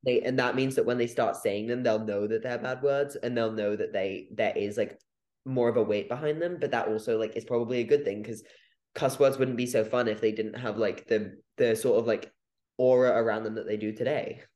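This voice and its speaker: A man's voice: mid-range voice, steady tone, brisk, darkish tone. Young male podcast co-host, casual and playful, reverberant room. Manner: chatty, many fillers, playful. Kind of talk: casual debate chat.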